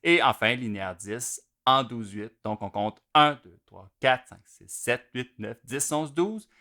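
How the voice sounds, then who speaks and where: A man's voice: mid-range voice, unhurried, bright, forceful tone. A man explaining drum exercises step by step, in a patient, methodical way. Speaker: drum teacher. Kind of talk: instructional video explanation.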